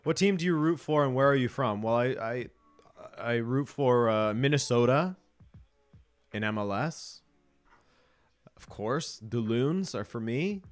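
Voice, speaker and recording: A man's voice: mid-range voice, expressive, a little slow, long pauses, soft background music. A man hosting a live football watch-along stream, chatting casually, chuckling and reading viewer comments aloud.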